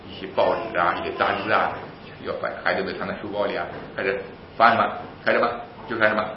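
A man preaching a sermon in an animated, emphatic way, asking rhetorical questions and answering them himself. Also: low-pitched, quick pace, background noise. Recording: roomy, slightly dull recording.

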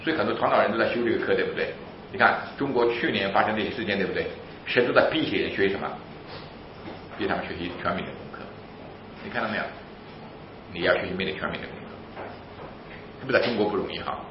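Man, preacher, quick animated sermon, rhetorical questions, roomy hall sound. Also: on the low side, noisy background. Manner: asks rhetorical questions and answers them himself; animated and emphatic. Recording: roomy, slightly dull recording.

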